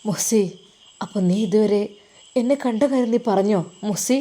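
A woman's voice: medium pitch, normal speed, mellow, close to an everyday voice. A woman voicing a young husband who speaks tenderly and reassuringly to his wife. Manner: tender, soothing. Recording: reverberant room with faint noise.

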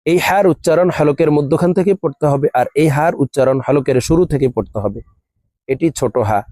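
A Quran reading teacher recording a lesson for viewers. The teacher drills letter sounds in a slow, drawn-out chant and then explains each pronunciation rule in quick spoken bursts, speaking directly to the audience. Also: medium pitch, mellow, no echo, studio quality. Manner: addresses viewers directly and invites repetition.

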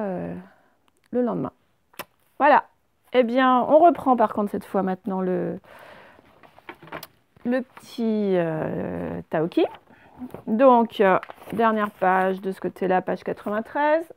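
Patient woman teacher spelling slowly. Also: mid-range voice, expressive, gravelly, slight background noise. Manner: slow, patient, spells words out letter by letter. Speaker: primary school teacher. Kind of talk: recorded remote spelling lesson.

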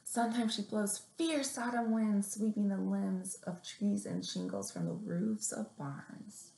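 A young woman with a medium-pitched, mellow, expressive voice and some vocal fry leads a story time for small children, reading picture books, doing finger plays and giving simple instructions in a measured, deliberate way. She's in a small indoor room at home or an office, and the webcam or laptop mic at arm's length gives a roomy, echoing sound.

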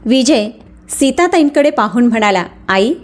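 A woman narrating a family drama story in a steady reading voice. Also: a little high, moderate pace.

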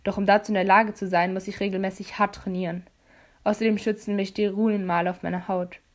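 A condescending teenage boy demon hunter, put on by a woman narrator in a storybook reading. He sounds lower and punchier than her normal voice, smug and curt. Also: little pitch movement, fast talker, close to an everyday voice. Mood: curt, irritated.

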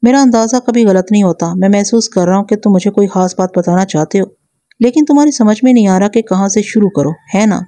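A woman voicing a shrewd male police inspector who questions in a steady, commanding way. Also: medium pitch, lightly acted. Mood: probing.

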